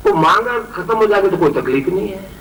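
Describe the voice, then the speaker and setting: A man's voice: high-pitched, expressive, brisk, a bit bright, distant mic, rough recording. A man, a spiritual guru, giving an emphatic storytelling sermon that repeats its points.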